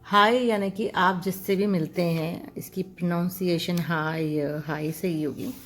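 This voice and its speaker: A woman teacher talks through a beginner language lesson at a very unhurried pace. Her voice sits a little low, and she breaks words into letters and sounds, repeating them patiently. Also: steady tone. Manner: slow, spelling words out letter by letter and drawing out sounds. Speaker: English teacher. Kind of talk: classroom-style language lesson.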